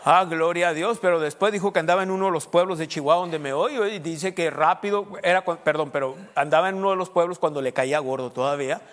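High-voiced preacher in a reverberant hall. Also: male voice, fast talker, hardly any pauses, a bit bright. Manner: conversational preaching, asks listeners rhetorical questions. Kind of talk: sermon.

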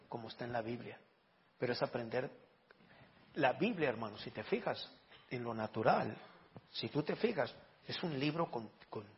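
A man preaching a conversational sermon as a pastor, asking rhetorical questions and often repeating words as he goes. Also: mid-range voice. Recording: dull lo-fi recording.

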